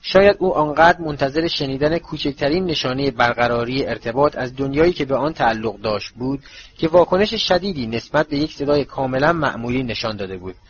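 A man reading a story aloud as audiobook narrator, in a steady storytelling manner. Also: mid-range voice, lo-fi sound. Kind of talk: scripted narration.

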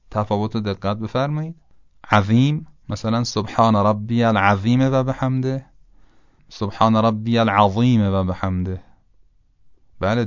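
Low smooth-voiced man teaching pronunciation. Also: darkish tone, no echo, muffled recording. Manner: patient and precise, models words slowly. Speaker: Quran recitation teacher. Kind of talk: pronunciation lesson.

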